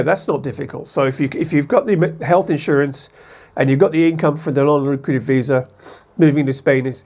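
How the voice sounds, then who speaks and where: This American expat vlogger has a somewhat high, slightly mellow voice. Chatting casually to the camera, he wanders from thought to thought and keeps correcting himself.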